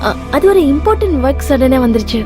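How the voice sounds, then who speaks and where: A woman's voice: high voice, sing-song, fast talker, over music. An actress dubbing a spirited young woman, playful and evasive with her fiancé. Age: young adult. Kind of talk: Tamil film dubbing.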